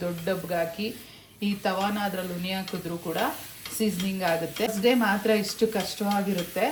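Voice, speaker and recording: A woman with a fairly low voice and a Kannada accent walks through a cooking task step by step, practical and instructive. Her voice bounces around an echoey home kitchen, with clear scrubbing and sizzling behind her. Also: noisy background. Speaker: home cook demonstrating.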